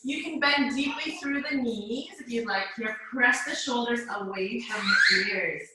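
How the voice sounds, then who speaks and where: A woman's voice: a little high, measured pace, bright, forceful tone. A Canadian woman leading a mom and baby workout class over a video call, giving chatty, encouraging cues. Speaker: fitness instructor. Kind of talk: live virtual workout class cueing. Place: home workout space. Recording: very echoey room.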